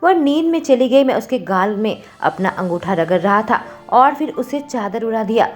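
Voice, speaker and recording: Woman narrating a story over soft music. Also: a little high, lively intonation, moderate pace.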